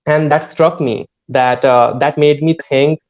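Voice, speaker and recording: Podcast host, hesitant and filler-heavy, recorded over a muffled video call. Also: male voice, fairly high pitch, fairly even intonation, unhurried, a little mellow. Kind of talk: casual podcast conversation.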